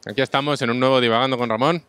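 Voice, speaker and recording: A man's voice: mid-range voice, steady tone, racing. A young man hosting a casual street interview outdoors on a busy city street, speaking into a handheld microphone in an upbeat, chatty way. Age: young adult.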